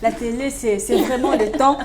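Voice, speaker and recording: A woman hosting a casual studio talk show, talking in a lively, laughing way with many restarts. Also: on the high side, normal speed, over a noisy crowd. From Congo. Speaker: host.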